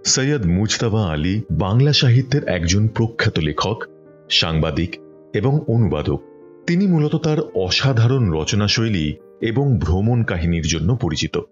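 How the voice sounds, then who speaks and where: A man reading a book aloud as an audiobook, in a measured, expressive storytelling manner. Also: on the low side, muffled recording, faint music behind.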